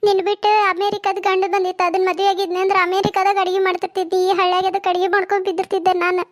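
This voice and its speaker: A woman's voice: very high voice, level tone. A woman with a North Karnataka accent voicing a grumbling, overworked young village wife in a comedy cartoon. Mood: sulky. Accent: North Karnataka Kannada. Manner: nagging, complaining, fast-talking.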